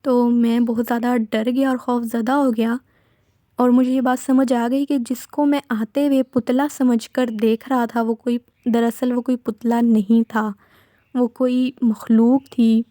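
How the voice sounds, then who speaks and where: A woman with a Pakistani Urdu accent narrating a true horror story, retelling her brother's account in an unhurried, rambling way with self-corrections. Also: on the high side, level tone, mellow, no echo, studio quality. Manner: retelling a brother's account, slipping between third and first person.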